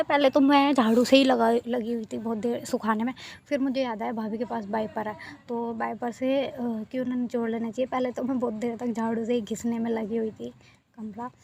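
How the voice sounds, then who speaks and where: A woman's voice: fairly high pitch, level tone, normal speed, creaky, a little mellow. A young woman vlogger chatting casually as she narrates cleaning her home, repeating herself and checking in with listeners often.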